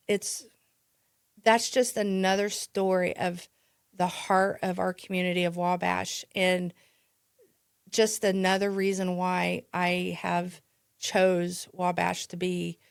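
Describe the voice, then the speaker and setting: A woman's voice: fairly low pitch, little pitch movement, slow, vocal fry, smooth, dry recording, clean studio sound. A woman with a Midwestern American accent, a podcast guest telling a story in a chatty, casual way. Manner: chatty, with restarts and laughs. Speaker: podcast guest, real estate agent.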